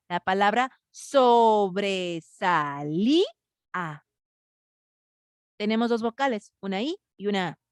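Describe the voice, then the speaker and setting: A woman's voice: on the high side, a little mellow, dry recording, clean studio sound. A woman with a Mexican Spanish accent teaching an online grammar class, patiently questioning students and thinking aloud with fillers.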